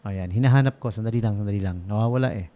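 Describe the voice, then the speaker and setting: A man's voice: lowish voice, rapid-fire, highs cut off. A man with a Filipino accent, a radio DJ telling jokes on a late-night show in a studio and signing off, switching between Tagalog and English and laughing at his own jokes. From Philippines.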